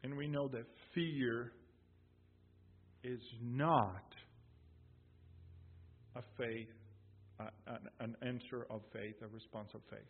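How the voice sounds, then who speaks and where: Guy preaching a sermon, slow and emphatic, husky, sounds like a phone line. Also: medium pitch, steady tone. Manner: emphatic, swelling loud on key phrases, quotes scripture slowly.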